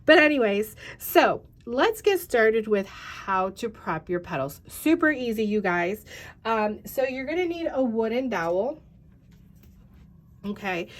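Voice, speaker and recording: Congested and tired, a woman in her thirties hosts a craft tutorial in a mid-range voice. Her talk is loose and rambling, heavy with fillers, and she speaks to the audience as "you guys."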